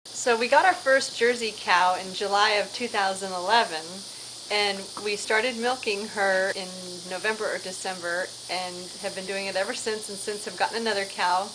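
A woman's voice: mid-range voice, fairly even intonation, normal speed. A middle-aged woman casually explaining her dairy work to a handheld camera outdoors under a farm shelter. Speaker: farm mom, milker. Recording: hissy outdoor camera audio.

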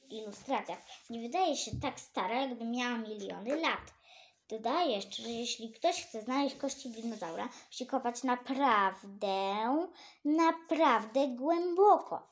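A woman reading a children's book aloud, animated, her voice leaping up for exclamations. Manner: animated, jumps high for exclamations. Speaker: storyteller.

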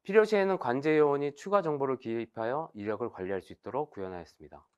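A man gives a formal, scripted technical presentation at a measured pace, moving point by point as an explainer would. His average-pitched voice is expressive and varies noticeably, with a slightly mellow, clean tone, though the highs are cut off.

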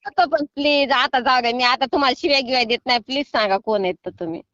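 A woman's voice: high-pitched, quick pace, fairly bright tone, no echo. A middle-aged woman on a phone call, scolding at first and then pleading and apologizing. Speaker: prank call target. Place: sitting in a field.

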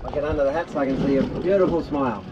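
A man's voice: medium pitch, rapid-fire, highs cut off. Upbeat skipper man on a windy boat. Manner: upbeat, joking, lively. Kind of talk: instructing and cheering guests. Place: on a fishing boat at sea. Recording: loud wind and boat noise.

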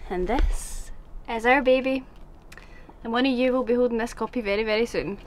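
A woman's voice: on the high side, moderate pace. Bubbly young woman vlogging in a van. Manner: bubbly, enthusiastic. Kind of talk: casual vlog chat. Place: inside a camper van. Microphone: handheld camera at arm's length.

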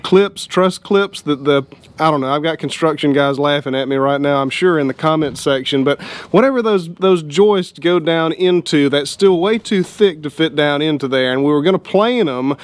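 Plainspoken man, higher voice. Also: moderate pace, no room sound. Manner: relaxed, plainspoken, explains as he works. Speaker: homesteading vlogger. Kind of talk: casual how-to narration. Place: open-sided shed outdoors by a sawmill.

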